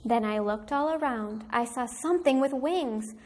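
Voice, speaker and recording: A woman teacher reads a children's picture book aloud with animated, deliberate storytelling meant for young listeners. Her voice is slightly high, and there's a faint hiss or hum in the recording.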